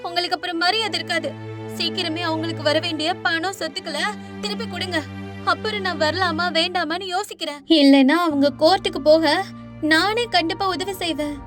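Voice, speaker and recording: A woman voicing a spirited young woman who scolds her parents indignantly and firmly in an animated cartoon dub. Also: very high-pitched, brisk, music in the background. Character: spirited young woman, righteous and defiant daughter.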